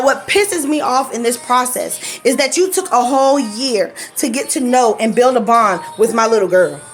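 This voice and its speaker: A woman telling a personal story to camera in a blunt, profane, casual way, laughing often. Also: a little high.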